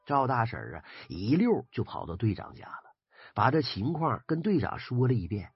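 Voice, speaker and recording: A man with a Northeastern Chinese accent telling a folk ghost story in a lively, dramatic way. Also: medium pitch, moderate pace, dry recording. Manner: lively, dramatic retelling, husky. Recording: dry, slightly dull recording with faint music.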